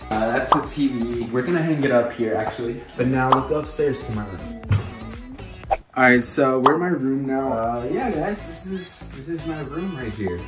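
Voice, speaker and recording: A man's voice: mid-range voice, normal speed. A young man giving a casual, upbeat home tour vlog, chatting and laughing often. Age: young adult. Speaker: vlogger. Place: home rooms, indoors. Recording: roomy sound with background music.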